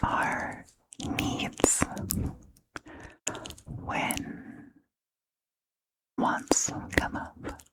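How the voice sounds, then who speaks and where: A woman whispering softly and breathily into a close ear-to-ear microphone in a chatty ASMR style, in short, halting phrases. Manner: slow, halting, short phrases with long pauses. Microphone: close ear-to-ear stereo ASMR microphone.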